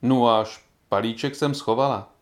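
Man doing a sweet old grandmother in a storybook, soft and smiling. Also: mid-range voice, lightly acted. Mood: kindly. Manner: gentle, smiling delivery. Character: warm old grandmother, kindly and wise.

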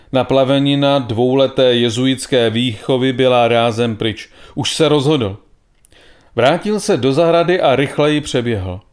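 Man, storyteller, calm, measured reading, ordinary middle pitch. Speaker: narrator.

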